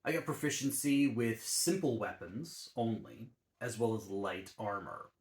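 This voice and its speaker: A man with a fairly low voice walks through a tabletop character build, easygoing and explanatory, pausing on ums and uhs. His voice carries a noticeable roomy echo, as if recorded in an untreated room. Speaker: YouTube D&D channel host. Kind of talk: relaxed tabletop game class guide.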